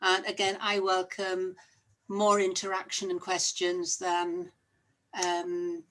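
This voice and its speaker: A middle-aged or older woman, introducing herself in a measured, earnest way as an academic guest. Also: on the low side, completely flat delivery, fairly bright tone, a little hiss or hum. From Swansea, Wales. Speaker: panel guest, academic researcher. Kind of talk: considered self-introduction.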